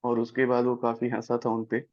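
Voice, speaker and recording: A man's voice: mid-range voice, completely flat delivery, normal speed, darkish tone, dull audio. A man who is a student, answering hesitantly and respectfully in an online class. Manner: hesitant, deferential.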